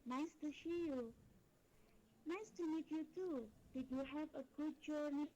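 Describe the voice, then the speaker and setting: Young woman, high soft mellow voice, reads slow and careful, kinda nervous. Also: dull audio. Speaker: student. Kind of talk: reading a dialogue aloud.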